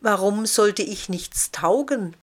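Woman voicing a gentle wise snail. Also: medium pitch, slow. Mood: encouraging. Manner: encouraging, thoughtful. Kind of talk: storybook reading.

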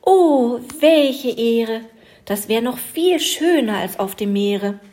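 A woman's voice: expressive, measured pace. A small young fir tree with a lifted, longing voice, put on by a woman reading a storybook. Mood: excited. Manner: higher, brighter plaintive voice.

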